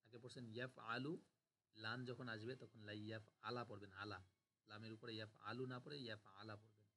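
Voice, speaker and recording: A man's voice: on the low side, level tone, brisk, pushed and bright, slight background noise. A man teaching a grammar class, patiently explaining and repeating word forms aloud for students to drill. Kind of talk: online class lecture.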